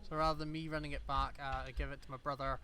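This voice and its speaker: A man's voice: mid-range voice, little pitch movement, rapid-fire, bright, forceful tone. A man talks through his own footage in a loose, rambling way. He drops in dry, self-deprecating asides as he goes. A faint hiss sits under his voice. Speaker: airsoft player narrating his own footage. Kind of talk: casual voice-over commentary.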